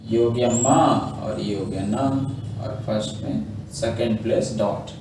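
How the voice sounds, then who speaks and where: A man's voice: lowish voice, a little slow, background noise. A man teaching a shorthand class, explaining each step patiently and checking in with his students often. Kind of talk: online class lesson. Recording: echoey room, mic far off.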